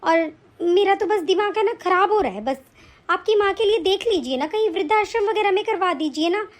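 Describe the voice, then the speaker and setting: A harsh, nagging daughter-in-law, as a woman plays her in an animated story. She scolds in a sharp, complaining tone. The voice is very high. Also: a little fast. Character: cruel, scolding young daughter-in-law, mother.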